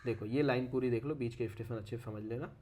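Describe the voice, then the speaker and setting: A man's voice: medium pitch, steady tone, fast, a little mellow. Male explainer, casual and chatty, repeats "okay" between points, catches and fixes his own slips, calls the viewer "brother.". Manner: keeps saying "okay" and corrects his own pronunciation. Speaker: educational video creator. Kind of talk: casual walkthrough of a map.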